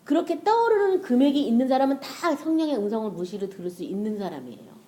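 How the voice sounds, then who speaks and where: A woman's voice: a little high, sing-song, fast talker, mellow. A woman preacher giving a casual, conversational sermon and acting out prayers and inner voices.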